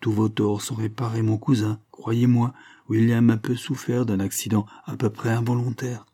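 A man voicing a gentle, earnest young woman pleading with her cousin in a storybook reading. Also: mid-range voice, flat delivery, normal speed, no echo, clean studio sound, natural voice. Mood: pleading tender. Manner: pleading, impassioned.

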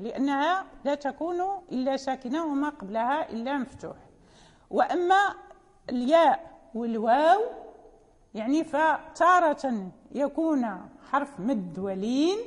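A woman teaching a lesson on Quran recitation, explaining patiently, rephrasing often and pausing with fillers. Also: high-pitched. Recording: long hall reverb.

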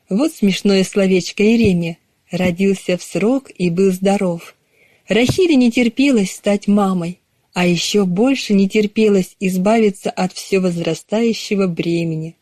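Dark-toned woman reading an audiobook. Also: medium pitch, dry recording. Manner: measured storytelling, even reading. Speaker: audiobook narrator. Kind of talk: scripted narration.

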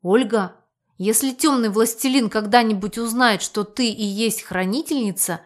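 A woman voicing a wry male necromancer who speaks quietly and slyly, in an audiobook. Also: a little high, normal speed, lightly acted. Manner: quiet and sly.

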